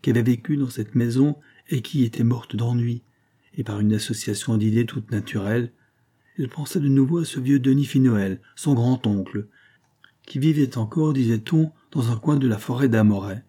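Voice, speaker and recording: Man, audiobook narration, dark mellow voice, husky, steady delivery. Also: medium pitch, normal speed. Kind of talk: scripted novel narration.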